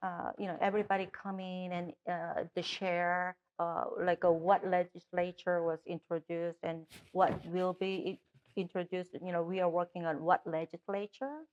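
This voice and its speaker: A muffled clip captures a middle-aged native Korean speaker, a woman with a Korean accent, responding to interview questions as a political candidate. Her lowish voice is flat and moves at a normal pace, with frequent fillers and false starts.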